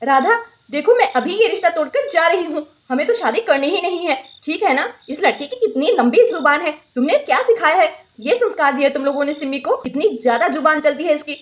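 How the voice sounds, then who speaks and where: A woman's voice: high-pitched, expressive, a little fast. A woman voicing a greedy, haughty in-law in a doll story, talking scornfully and bossily. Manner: scornful, bossy, dismissive. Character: greedy, haughty older sister-in-law demanding dowry.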